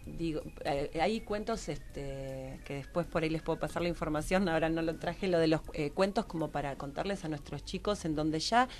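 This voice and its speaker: Speaking with a low pitch at normal speed and with few pauses, a woman with an Argentine Rioplatense accent guests on a radio interview. She is a psychology professional who trains others, and her reflective, conversational explanations often include tag questions seeking agreement.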